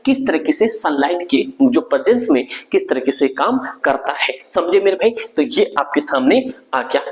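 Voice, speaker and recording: A man's voice: on the high side, rough recording. A young man teaching an exam revision lesson in an informal, brotherly way, often checking that students follow along.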